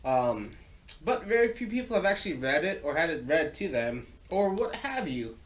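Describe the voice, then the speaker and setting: A man's voice: fairly high pitch, big pitch swings, normal speed. An American man hosting a solo podcast from his garage, talking in an informal, folksy, rambling way while recovering from sinus surgery with throat trouble. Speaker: podcast host. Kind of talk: casual solo podcast monologue. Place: home garage.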